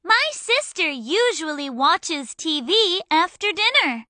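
A woman reading example sentences for a language lesson, carefully and with clear enunciation. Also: high voice, sing-song, drawn-out words, sharp tone, dry recording. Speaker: English model reader.

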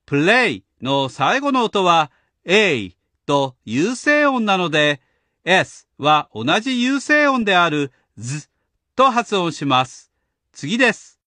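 Patient male grammar teacher, high lively voice. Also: slow, no room sound. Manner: clear, patient, instructional. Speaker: language teacher host. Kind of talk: explaining grammar in a radio lesson.

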